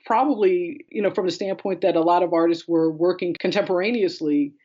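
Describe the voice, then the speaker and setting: Talking a little fast, a woman curator in an interview uses a fairly low, mellow voice, and the highs of the recording are cut off. She explains at length in a chatty, discursive style and relays others' remarks in casual paraphrase.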